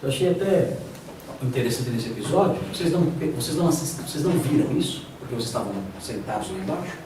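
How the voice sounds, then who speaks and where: Echoey pastor lecturing a class. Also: male voice, medium pitch, lively intonation, quick pace. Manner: conversational, acts out quoted voices. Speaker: pastor teaching a preaching class. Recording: echoey room, distant mic, noisy.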